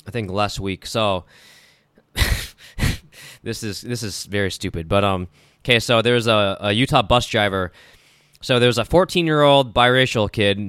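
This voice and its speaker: A laid-back man co-hosting a podcast, walking through a news story in casual chat. His voice is low, smooth and crisp, with a bright edge, and it is recorded close and dry with no room sound. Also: dry recording. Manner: laid-back, relaxed delivery with fillers. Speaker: podcast co-host.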